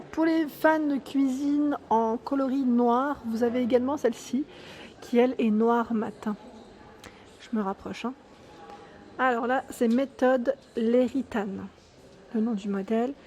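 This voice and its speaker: A woman's voice: a little high, a little mellow. A woman giving an enthusiastic, chatty walkthrough vlog in a furniture store showroom, often tagging "hein" and correcting herself. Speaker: YouTube vlogger.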